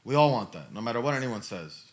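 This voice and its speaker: Fast and mid-range with big pitch swings, this man in his thirties hosts a podcast and answers questions casually. He leans on emphasis and repeats his phrases.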